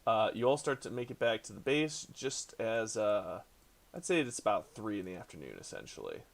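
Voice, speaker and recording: A man's voice: on the low side, big pitch swings, moderate pace, gravelly. A man improvising narration as the game master of a tabletop role-playing game.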